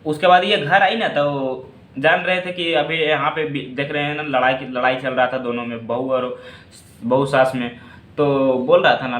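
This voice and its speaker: A male tutor walks students through a story in casual classroom style. He keeps posing quick questions and answering them himself. His slightly high voice rings in a roomy space. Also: a bit bright.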